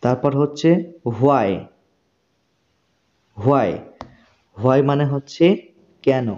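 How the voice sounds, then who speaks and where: A man teaches basic English sentences at a very unhurried pace. He repeats each word and checks often that the learner has understood. His voice is soft and mellow, and the recording sounds a little dull. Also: medium pitch. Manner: slow, patient, repeats words and checks understanding. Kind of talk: spoken English lesson.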